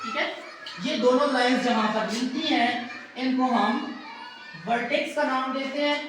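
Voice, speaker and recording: A man's voice: very high-pitched, unhurried. Patient male teacher in echoey classroom. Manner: patient, asks class to repeat answers. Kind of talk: classroom math lesson. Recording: echoey classroom from far off, faint noise.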